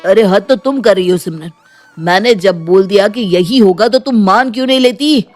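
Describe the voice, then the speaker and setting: A man's voice: high voice, normal speed, faint music behind, close to an everyday voice. Male VO: defensive young husband, complaining, cartoon.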